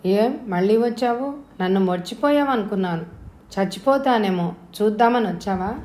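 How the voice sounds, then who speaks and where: A feverish young woman turns sharp and reproachful toward her lover, as a woman narrator voices her. Her voice stays mellow and unhurried, with a roomy echo behind it. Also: medium pitch, close to an everyday voice. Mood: bitter.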